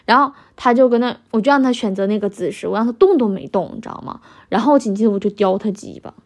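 A woman's voice: medium pitch, quick pace. A woman with a Northeastern Mandarin accent telling an explicit personal story in a crude, heavily profane, boastful manner. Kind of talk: explicit confessional monologue.

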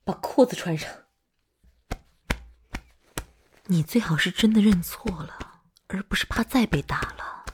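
A woman's voice: mid-range voice, normal speed, close to an everyday voice. A woman voicing a hot-tempered but doting older girlfriend in whispered role-play. She swears freely and swings between scolding and coaxing. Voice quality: very breathy, husky.

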